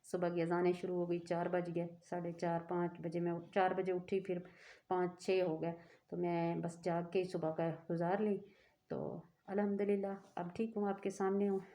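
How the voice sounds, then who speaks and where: A woman's voice: on the low side, little pitch movement, moderate pace, warm tone. A woman telling a personal story in a rambling, earnest way that keeps interrupting itself. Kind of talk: casual storytelling to camera.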